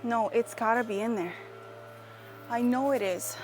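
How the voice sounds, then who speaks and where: A woman's voice: a little high, a little slow, noisy background. A young woman vlogging in her garden, talking to viewers in a jumpy, anxious way and repeating herself. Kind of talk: casual vlog talking to viewers. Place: outdoor home garden.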